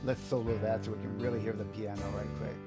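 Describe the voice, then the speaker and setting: Loud music nearly competes with this older man's fairly low, flat voice as he talks quickly. In his 50s or 60s, he teaches guitar in a casual live online session from an indoor studio, thinking aloud in an offhand way.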